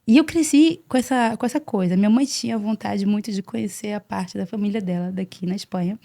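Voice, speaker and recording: A Brazilian woman in her forties, a podcast guest, telling her life story in an earnest, animated way and often repeating words. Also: medium pitch, fairly quick, creaky. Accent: Brazilian Portuguese. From Brazil (Salvador, Bahia). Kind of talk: casual interview storytelling.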